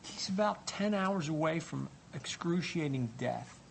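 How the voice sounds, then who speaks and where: A man preaching a dramatic storytelling sermon, emphatic and deliberate, repeating phrases for weight. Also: expressive, creaky. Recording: live sermon with faint rumbling noise.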